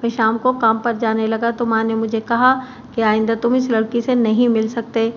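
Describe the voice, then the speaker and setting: A woman reading a crime story aloud in a steady, even storytelling manner. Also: a little high, normal speed. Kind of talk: scripted narration of a crime story. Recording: muffled with faint background hiss.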